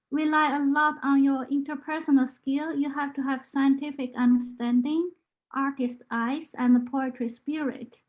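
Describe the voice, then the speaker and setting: A woman's voice: high voice, darkish tone, muffled recording. A woman in the audience asking a hesitant, polite question.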